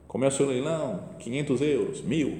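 A man's voice: medium pitch, moderate pace. A man casually retelling a film's plot as a host, acting out the quotes. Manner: animated storyteller, acts out quotes. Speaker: podcast host. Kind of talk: casual film retelling in a meditation talk. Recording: roomy reverberant room.

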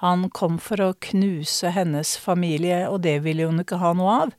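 A middle-aged woman from Norway, a storyteller telling a personal episode and an old tale in a measured, reflective way. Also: fairly low pitch, fairly even intonation, darkish tone, no echo, clean studio sound. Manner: measured, reflective, with drawn-out dramatic words. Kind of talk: spoken storytelling performance.

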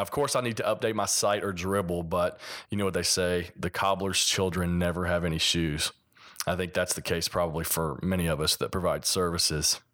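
A deep male voice carries a gentle Kentucky Appalachian accent. He talks as a podcast host on his own, explaining ideas in a conversational way and walking through examples. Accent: mild Kentucky Appalachian. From Kentucky, United States. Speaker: podcast host and sports designer. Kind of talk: solo podcast monologue, explanatory.

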